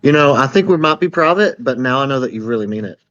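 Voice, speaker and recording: Man, tabletop player, average pitch, playful casual role-play, lo-fi recording, faint music. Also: lively intonation, fast, a bit bright, no room sound.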